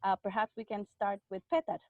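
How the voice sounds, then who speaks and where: A woman's voice: medium pitch, fairly even intonation, a little fast, muffled recording. A woman hosting and introducing guests on a video call, speaking casually with some fillers. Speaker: host, church music director.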